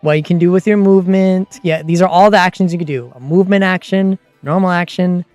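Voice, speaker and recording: Androgynous streamer, mid-pitched voice, chatty and rambling, casual game master explanations, music behind. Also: brisk, darkish tone, no room sound. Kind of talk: casual livestream chat, explaining tabletop game rules.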